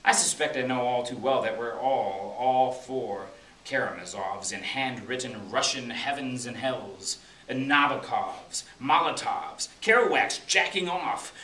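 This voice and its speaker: At a poetry reading in a public library room, a middle-aged American man reads his own spoken-word poetry dramatically and rhythmically, building up and falling away. His medium-pitched voice sounds pushed and bright, and he goes a little slowly. It's captured on a distant mic with room echo and faint hiss.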